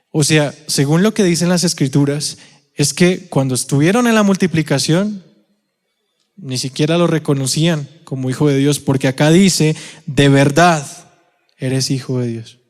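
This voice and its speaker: A man with a Colombian accent preaching a sermon in a church auditorium, telling the story with animated acted-out quotes and questions to the congregation. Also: fairly high pitch, normal speed. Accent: Colombian Spanish. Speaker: pastor. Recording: long hall reverb.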